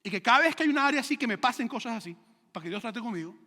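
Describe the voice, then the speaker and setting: A middle-aged male pastor preaching a sermon, animated, asking his listeners rhetorical questions and acting out stories. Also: extremely high pitch, rapid-fire, big-room sound. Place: church sanctuary.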